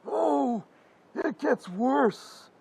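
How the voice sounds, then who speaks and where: A weary, older masked slasher rants and yells in frantic, crude bursts, as a man acts him out. His voice is very high and swings widely, with a husky edge. The sound is dry and close, as in a comedy parody sketch. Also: lively intonation, drawn-out words, no echo, full character voice, low-quality recording. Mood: exasperated.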